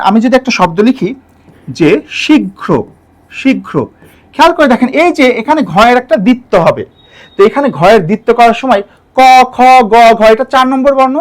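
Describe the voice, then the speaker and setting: High-voiced, lively male teacher. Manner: explains patiently, repeats rules and checks in with listeners. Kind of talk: exam-prep pronunciation lesson.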